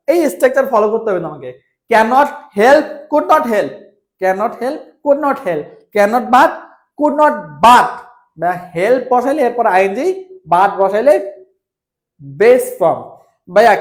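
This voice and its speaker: A man with a Bangladeshi Bengali accent teaching English grammar, spelling words letter by letter and often checking that his students follow. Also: very high voice. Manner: calls students brother, asks if they follow. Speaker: English tutor. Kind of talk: online grammar lesson.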